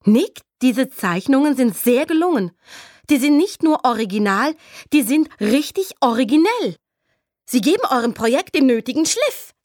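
A woman's voice: high voice, big pitch swings, normal speed, a little mellow, no echo, studio quality, pitched above the performer's own voice. A woman voicing a strict female schoolteacher, speaking in precise, stern tones. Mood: approving. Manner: stern, precise teacherly diction.

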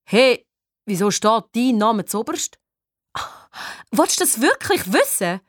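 A woman voicing a snippy know-it-all schoolgirl, talking in a sharp, hissing way. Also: fairly high pitch, big pitch swings, slow pace, dry recording, studio quality, voice pushed up, heavily acted. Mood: snapping.

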